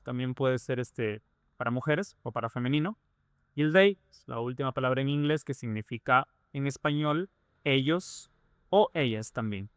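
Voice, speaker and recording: A man's voice: mid-range voice, clean tone, no echo, studio quality. A man teaching a lesson, explaining patiently and repeating points through rhetorical questions. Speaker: English teacher.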